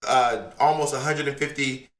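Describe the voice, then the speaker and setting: An American man co-hosting a podcast in casual chat, animated and profane, acting out the people he quotes. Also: mid-range voice, normal speed. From United States. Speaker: podcast co-host. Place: home in California, remote call. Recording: echoey room.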